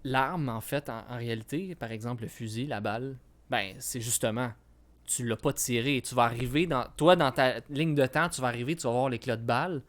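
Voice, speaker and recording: A man's voice: medium pitch, fairly quick. A young man with a Quebec French accent, co-hosting a casual film podcast, hesitant and restarting his sentences often. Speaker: podcast co-host.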